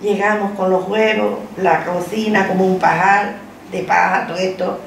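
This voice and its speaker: An elderly woman with an accent from Spain, casually reminiscing with lively, exclamatory anecdotes and repeated words. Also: mid-range voice, moderate pace, creaky. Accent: Spanish from Spain. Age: elderly, over 70. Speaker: interviewee recalling her past. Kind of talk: casual reminiscing, animated anecdotes with acted quotes. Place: living room at home, seated in armchair. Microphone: camera a few metres away. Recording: roomy, distant mic, background noise.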